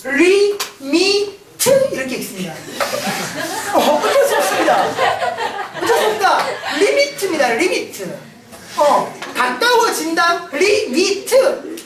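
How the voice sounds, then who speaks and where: A woman's voice: very high-pitched, wildly swooping pitch, unhurried, a loud crowd. A woman with a Gyeongsang Korean accent teaching a math lecture, playful and often laughing as she questions the class. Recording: roomy, distant mic, noisy.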